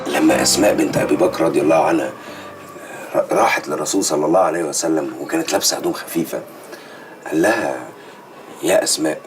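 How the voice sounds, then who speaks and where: A man's voice: rumbling low, fast talker, long pauses, over music. An actor with an Egyptian accent playing a pious brother who earnestly lectures his sister. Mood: preachy. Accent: Egyptian Arabic. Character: stern pious brother, adult man, preachy. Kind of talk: TV series acting.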